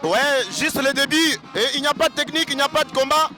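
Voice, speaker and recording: A man's voice: very high voice, quick pace. A man with a Congolese accent commentates wrestling live, exclaiming and repeating key phrases. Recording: loud music behind the commentary.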